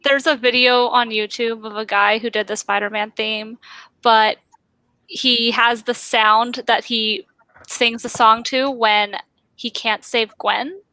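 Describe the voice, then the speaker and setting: A woman in a casual group podcast chat who tells stories in an animated way and laughs often. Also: fairly high pitch, takes it slowly, clean tone, no room sound, low-quality recording.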